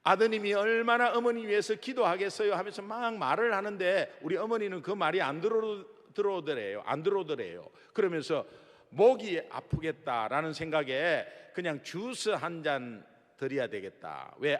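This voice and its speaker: Middle-aged gyeongsang pastor, high voice, lively funny storytelling sermon, big echoey sanctuary. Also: male voice, normal speed. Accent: Gyeongsang Korean. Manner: animated storyteller, acts out dialogue with humor. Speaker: guest pastor. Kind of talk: revival sermon. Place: large church sanctuary. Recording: long reverb of a big sanctuary.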